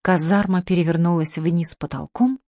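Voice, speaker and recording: A woman narrating a novel as an audiobook in a steady, measured, dramatic way. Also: lowish voice, no echo, clean studio sound. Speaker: audiobook reader.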